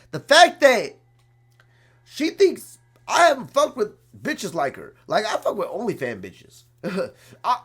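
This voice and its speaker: Man streamer, crash-out rant to chat, pitch jumping all over, goes from shouting to mumbling. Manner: profane, swings from shouting to low mutters; repetitive, talks straight to viewers. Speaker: livestreamer.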